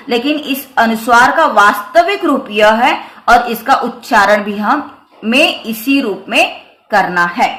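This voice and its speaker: A woman teaching a lesson on the written letters, her voice sitting a little high. She talks very slowly and repeats each example with care. The room around her is echoey. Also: fairly bright tone. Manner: slow, careful explaining with repeated examples. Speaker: Hindi teacher. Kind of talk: grammar lesson on the Hindi script.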